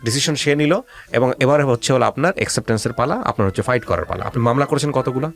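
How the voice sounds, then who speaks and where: A male radio host with a Bangladeshi accent, medium in pitch and with vocal fry, talks fast while advising a guest on a life-story show. He questions the guest insistently and mixes English phrases into what he says.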